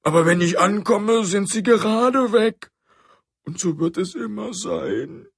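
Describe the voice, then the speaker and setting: A man voicing a sad old male alarm clock who is always late, speaking despondently with a husky, gravelly voice. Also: high-pitched, a little slow, no echo, clean studio sound, heavily acted. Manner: despondent, later urging loudly.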